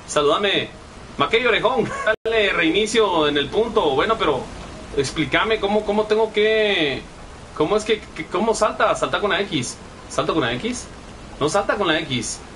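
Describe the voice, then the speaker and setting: A man's voice: high voice, animated, moderate pace, fairly bright tone, slight background noise, low-quality recording. A young man with a Guatemalan Spanish accent giving profane, chatty live gameplay commentary and reading chat messages aloud. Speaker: gaming streamer.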